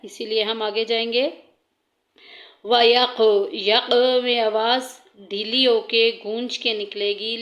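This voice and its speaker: A woman leads a tajweed lesson at a slow, deliberate pace, laying out each rule step by step between drawn-out recitations. Her voice sits a little high. The recording is muffled and lo-fi. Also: a bit bright. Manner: patient, explains rules step by step, recites verses slowly. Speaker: Quran recitation teacher.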